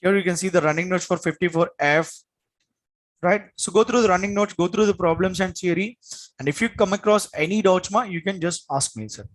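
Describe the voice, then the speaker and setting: A man's voice: high-pitched, fairly quick. A man with an Indian accent giving a classroom lecture as an exam coach, in an emphatic, repetitive manner with frequent check-in questions.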